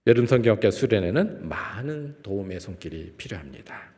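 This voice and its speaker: Male preacher, low and animated, builds loud then drops soft, recorded with long reverb in a church sanctuary. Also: a little fast. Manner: asks the congregation rhetorical questions; sweeps between loud and soft phrases. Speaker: guest preacher, professor. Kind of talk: sermon.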